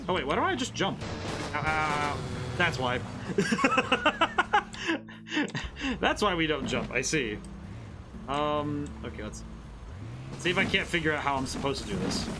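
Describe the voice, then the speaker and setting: A man giving excited, bemused, exclamatory commentary while playing a video game. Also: fairly high pitch, moderate pace, long pauses, noisy background. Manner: exclamatory, reacts aloud with ows and laughs. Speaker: game streamer, game designer. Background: game music.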